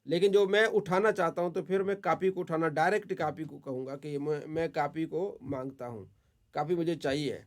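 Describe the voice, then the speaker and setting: A man's voice: fairly high pitch, steady tone. A man teaching an online Arabic grammar class, patiently correcting students and praising them often.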